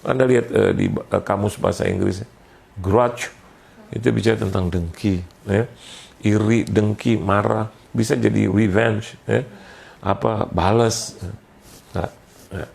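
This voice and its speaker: A man preaching a sermon, telling an animated, jokey story and acting out the voices of the people in it. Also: fairly low pitch, unhurried, creaky. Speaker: pastor.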